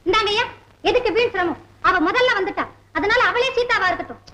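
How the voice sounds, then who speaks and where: Proud young woman, very high voice. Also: a little fast, pushed and bright, a little hiss or hum. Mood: indignant. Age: young adult. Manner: emotional, indignant dialogue delivery. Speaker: heroine of a family film drama. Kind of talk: 1960s Tamil film acting. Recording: 1960s film soundtrack with music.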